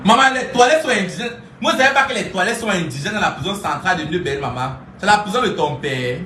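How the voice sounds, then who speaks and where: A woman, ranting live to her followers and mocking someone. She keeps laughing, chants insults and sometimes shouts. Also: lowish voice, animated, quick pace. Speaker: social media streamer. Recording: echoey room, voice far from mic, faint hiss.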